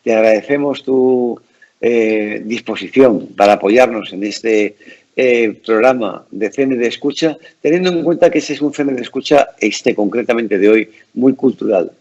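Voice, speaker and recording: A man's voice: medium pitch, normal speed, a little mellow, dull audio. A man hosting a conversational interview in a courteous, formal and wordy way. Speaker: interview host.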